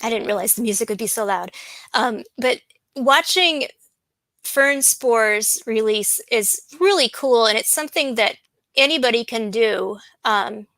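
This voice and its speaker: High-voiced woman giving a slide lecture. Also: a bit bright, no echo, low-quality recording. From USA. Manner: unhurried, with frequent ums and restarts. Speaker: botanist giving a presentation.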